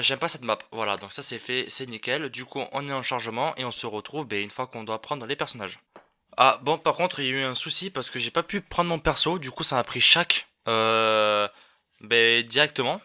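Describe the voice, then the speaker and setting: A man's voice: medium pitch, bright, forceful tone. A man giving casual, rambling commentary over his own gameplay, with many fillers and restarts. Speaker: gaming YouTuber.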